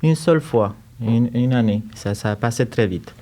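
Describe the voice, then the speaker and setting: A man's voice: mid-range voice, normal speed, mellow. A man from Cuba with a Cuban Spanish accent, speaking French as a second language in a studio interview, thoughtful and often restarting his phrases. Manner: thoughtful, searching for words with frequent restarts. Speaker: guest composer and choir director. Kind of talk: casual interview conversation. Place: recording studio.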